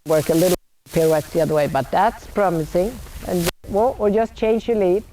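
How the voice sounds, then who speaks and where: A woman coaching a riding lesson, calling out brisk, projected commands in short, blunt, repeated directions. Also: fairly low pitch. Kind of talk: live horse-riding lesson, calling out instructions. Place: outdoor riding arena. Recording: noisy outdoor ambience.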